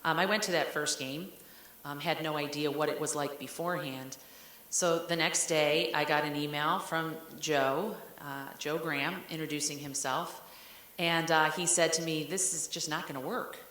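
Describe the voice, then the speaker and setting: A woman's voice: low-pitched, steady tone, moderate pace, a bit bright. A woman superintendent giving a speech, telling a story in a conversational way with fillers. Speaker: school superintendent. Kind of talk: speech to an audience. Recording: roomy hall sound.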